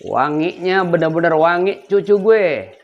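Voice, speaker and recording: A man's voice: a little high, animated, a little slow, dull audio. An older man, hosting a casual cooking vlog and playfully coaxing his grandchild as he talks. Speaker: vlog host.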